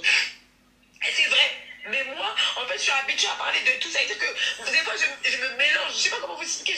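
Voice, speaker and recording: A woman's voice: high voice, sharp tone. A woman telling her story on a live stream, rambling and repeating herself, with laughs between her lines. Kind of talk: emotional live stream confession. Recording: echoey, from a distance, faint noise.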